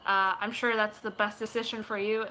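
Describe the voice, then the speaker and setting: A twenty-year-old Puerto Rican woman, a video creator, chats with viewers in a casual live session, playful and rambling like a vlogger, slipping into put-on accents and voices. Her mid-range voice is flat at a moderate pace, with a bright, forceful tone. She's indoors in a small room at home, and the webcam audio is noisy.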